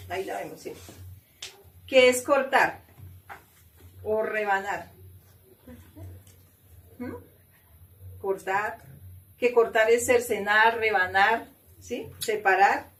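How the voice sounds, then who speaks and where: Picked up by a distant mic with faint room noise, a Bible teacher's mid-range, slightly bright voice reads passages of scripture before explaining them. She leads the study by asking her listeners frequent questions.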